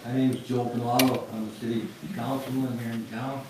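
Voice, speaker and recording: A man introducing himself briefly and plainly at a community meeting, at a middle pitch. He sounds far off in a very echoey room. Loud noise nearly swamps his voice. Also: flat delivery, fairly quick. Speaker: city councilman.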